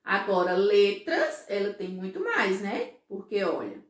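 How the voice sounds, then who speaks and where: A woman's voice: medium pitch, huge pitch swings, roomy sound. A woman teaching a first-grade class in Brazilian Portuguese, speaking patiently and often checking that the children follow. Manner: slow, patient, asks children "certo?" and "ó" often. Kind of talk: recorded remote class for young children.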